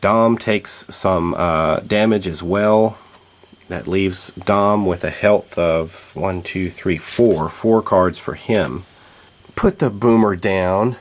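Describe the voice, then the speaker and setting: A man hosting a tabletop board game playthrough, explaining the rules and thinking aloud about each move in a measured way. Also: low-pitched. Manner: measured, thinks aloud while checking moves.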